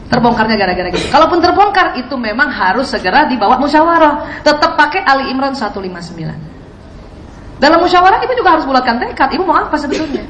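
Female preacher with a high voice giving a sermon, quizzing her audience, recorded in a reverberant room. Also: a bit bright, slight background noise. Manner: questions the audience. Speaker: Islamic preacher. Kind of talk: sermon to women.

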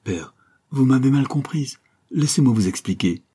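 A man voicing a soft-spoken, gentle young mother in an audiobook, tender and a little pleading. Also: mid-range voice, animated, normal speed, slightly rough, voice pushed up. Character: gentle, sad young mother, the banker's daughter. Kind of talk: audiobook character reading.

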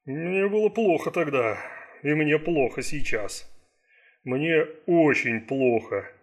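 A man's voice: on the high side, lively intonation, takes it slowly, full character voice. A man voicing a lanky male FBI agent who is fed up and sarcastic, in an audiobook thriller. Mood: gloomy. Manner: exasperated, mocking.

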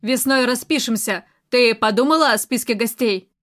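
A brutal, domineering police colonel in an audiobook, voiced by a woman narrator. He speaks slowly and loudly, with cold, mocking menace, in a fairly high, light voice. Every line is a threat. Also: close to an everyday voice. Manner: loud, slow, threatening and mocking. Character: domineering menacing man, militia colonel, murderer.

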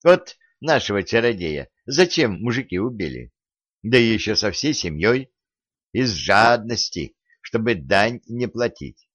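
A man's voice: on the low side, very animated, unhurried, fairly bright tone, no echo, exaggerated voice. A man voicing an arrogant, quarrelsome teenage boy in an audiobook, speaking haughtily and sharply. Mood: haughty. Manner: haughty, quarrelsome, raising his voice. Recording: dull lo-fi recording.

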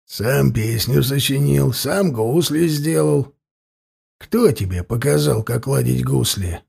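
A man voicing a grim, menacing warrior who speaks quietly, evenly and without hurry. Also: mid-range voice, creaky, breathy edge, heavily acted. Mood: cold. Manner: quiet, even and unhurried.

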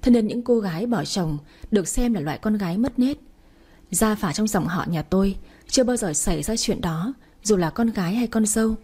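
Dark, husky woman reading a story. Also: mid-range voice, animated, moderate pace. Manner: sorrowful, emotional reading. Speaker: audiobook narrator. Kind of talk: first-person storybook narration.

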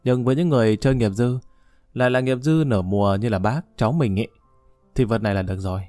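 A frank, knowing young sportsman, read by a man. His voice is mellow and dark, and it is recorded dry. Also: medium pitch, fast talker, dry recording, soft background music, close to an everyday voice. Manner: frank and matter-of-fact.

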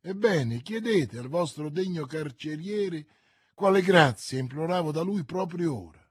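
A woman's voice: low voice, expressive, unhurried, slightly rough, dry recording, clean studio sound, full character voice. A man reading aloud, voicing a scheming, seductive noblewoman prisoner in an impassioned, declaiming way. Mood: defiant.

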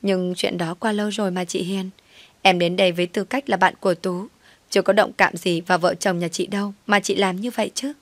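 A woman's voice: medium pitch, steady tone, fairly quick, no room sound, lightly acted. Woman doing a scheming fake-sweet young ex. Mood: feigned tears. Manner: mock-innocent, pleading.

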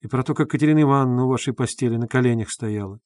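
A man reading the part of a brooding young man who speaks curtly and low in an audiobook. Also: very fast, a little mellow, no room sound, clean studio sound, close to an everyday voice. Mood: probing.

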